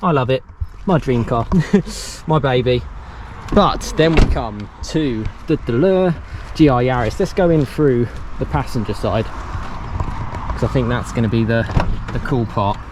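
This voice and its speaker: A man's voice: mid-range voice, animated, measured pace, background noise. A young man giving a casual walkaround car review outdoors, chatty and loose, laughing between lines. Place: outdoors beside cars.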